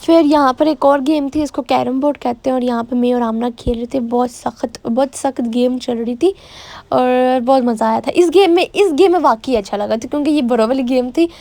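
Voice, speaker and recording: A young woman narrates her vlog over the footage in a casual, self-mocking ramble. Her voice sits high, and the recording is close and dry with no room sound. She often breaks off and starts her sentences again. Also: a little fast, vocal fry, dark tone, no echo. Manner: chatty and self-mocking, with frequent restarts. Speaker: vlogger.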